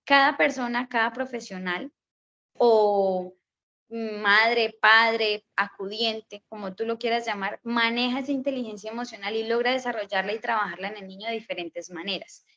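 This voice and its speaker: A woman's voice: on the high side, steady tone, moderate pace. Woman teacher explaining, lo-fi audio. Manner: explains step by step, often checks with "¿sí?"; acts out gentle talk to small children. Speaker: early childhood teacher. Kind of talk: explanatory talk for a class assignment.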